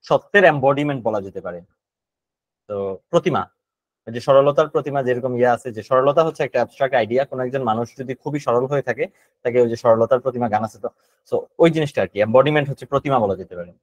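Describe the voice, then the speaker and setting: A man's voice: mid-range voice, fast talker, no echo, poor audio. A Bangladeshi man teaching an online GRE vocabulary class, explaining word meanings casually and thinking aloud. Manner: casual and thinking aloud, mixing English words into Bengali explanations.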